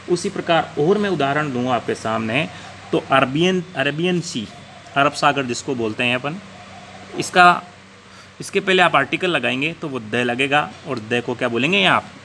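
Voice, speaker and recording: A man's voice: medium pitch, pushed and bright, a little hiss or hum. A man teaching an English grammar lesson, asking the class questions and answering them himself while he repeats the key points.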